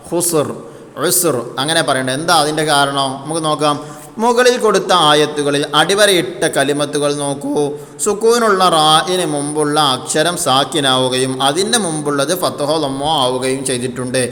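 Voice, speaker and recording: Guy teaching tajweed, kinda high voice, patient, keeps quizzing then answering himself, lots of reverb. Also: a bit bright. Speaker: Quran recitation teacher. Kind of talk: tajweed lesson.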